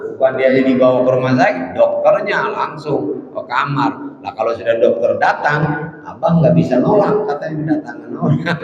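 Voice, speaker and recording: A man giving a lively mosque sermon, telling stories and often calling his listeners Pak. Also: medium pitch. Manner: animated storytelling, addresses listeners as Pak. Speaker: Islamic preacher. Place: mosque hall. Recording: echoey dull hall recording.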